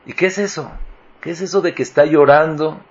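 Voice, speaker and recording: A man's voice: on the high side, a little fast, highs cut off. A man giving a Torah lesson as a rabbi, posing rhetorical questions and rising with emphasis. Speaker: rabbi teaching.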